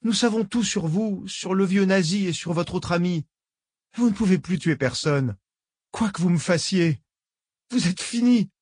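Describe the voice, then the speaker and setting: A man's voice: mid-range voice, lively intonation, moderate pace, darkish tone, slightly rough, no echo, studio quality, pitched above the performer's own voice. A man voicing a frightened young woman who speaks in a desperate, defiant way.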